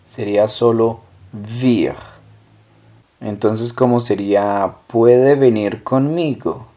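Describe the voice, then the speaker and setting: A man's voice: fairly low pitch, steady tone, mellow. A man teaching a language lesson, stating example phrases and then repeating them patiently. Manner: patient, drawn-out model words.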